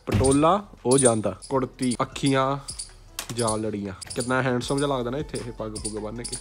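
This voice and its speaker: Showing items from his collection to the camera in a small room, a young Punjabi-accented vlogger talks casually, sprinkling in English words. He speaks fairly quickly in a mid-range voice.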